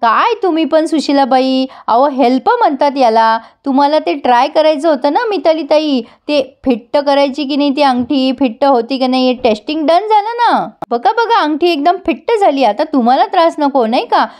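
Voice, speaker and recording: A cheeky young woman with a sly, teasing edge, as a woman puts her on. She talks in a high, bright voice, like a prankster in a TV serial. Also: lively intonation, normal speed, few pauses. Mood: coaxing.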